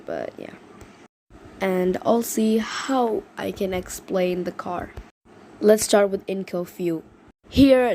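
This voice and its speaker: A woman in a casual vlog, her voice a little rough from being sick, chatting in a rambling way and correcting herself. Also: lowish voice, dark tone, slight background noise. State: slightly sick voice. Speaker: vlogger presenting an invented world.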